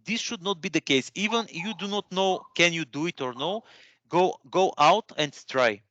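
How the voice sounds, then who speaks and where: A man in his thirties, a non-native English speaker, guest-presents at a career webinar in an informal, encouraging way, often searching for words and repeating himself. His voice sits high at a normal speed with a sharp tone. The audio is dull, with no room sound.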